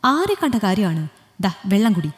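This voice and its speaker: A woman's voice: mid-range voice, big pitch swings, moderate pace, close to an everyday voice. A woman voicing a lovesick young male doctor, asking pleading, breathless questions. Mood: puzzled. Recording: long hall reverb.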